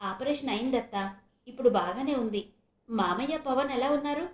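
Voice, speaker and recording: A kind young man, voiced by a woman narrator, speaks warmly and reassuringly to his family. The voice stays fairly high and the room adds echo. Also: normal speed, natural voice. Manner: warm, reassuring.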